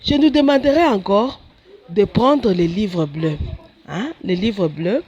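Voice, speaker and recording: Lively woman preaching a sermon. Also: takes it slowly, husky, lo-fi sound. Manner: animated, jumps high when acting out dialogue with God. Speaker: religious sister preaching.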